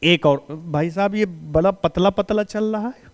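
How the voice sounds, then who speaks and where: A male teacher with a Hindi accent explains grammar rules in a smooth, resonant voice. He speaks slowly and pitches his voice fairly high. He fires short questions at his students and then answers them himself, coaxing and reassuring. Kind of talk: classroom grammar lesson.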